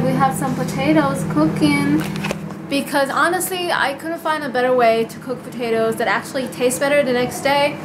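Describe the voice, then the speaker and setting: With background noise around her, a high-voiced vlogger in her twenties chats enthusiastically through a casual cooking video. She films handheld in a small apartment kitchen, staying bubbly and tasting what she makes on camera.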